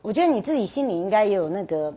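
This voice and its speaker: A woman's voice: medium pitch, big pitch swings, very fast, mellow. A woman hosting a live talk show with a Taiwanese Mandarin accent, chatting in a playful, teasing way. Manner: playful, teasing, laughs often. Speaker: radio show host. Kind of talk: casual live interview chat.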